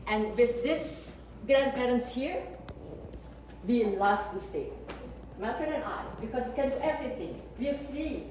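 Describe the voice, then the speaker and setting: A woman's voice: a little high, animated, a little mellow. Older woman teaching, echoey room. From Indonesia. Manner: didactic, emphatic, with deliberate word-by-word listing and repetition. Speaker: etiquette teacher. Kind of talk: informal class lecture to family. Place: echoey indoor room, mic at a distance. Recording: echoey room, distant mic, faint noise.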